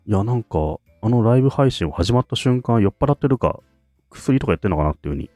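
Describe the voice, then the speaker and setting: A man's voice: mid-range voice, animated, fast, dark tone, no room sound, faint music behind. A man co-hosting a casual podcast chat, talking enthusiastically and laughing often. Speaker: podcast co-host.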